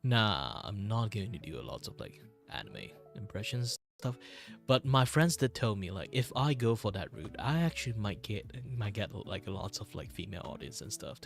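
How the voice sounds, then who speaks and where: A man chatting casually as a streamer, rambling and halting as he repeats his phrases. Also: lowish voice, very animated, creaky, faint music behind. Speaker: VTuber streamer. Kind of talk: casual livestream chat.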